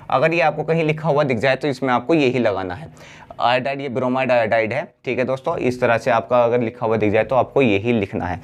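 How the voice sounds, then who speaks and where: A man with a mid-range voice teaches a chemistry class at the blackboard. He poses questions to the students and answers them himself, slowly drawing out the key words.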